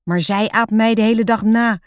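A woman's voice: medium pitch, sing-song, normal speed, no echo, studio quality. A woman doing a stubborn, playful schoolgirl.

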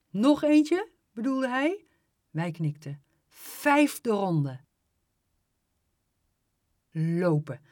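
Female storyteller for a children's book: slow, expressive reading, dry close sound. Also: dry recording. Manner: unhurried expressive reading, lively pitch on exclamations.

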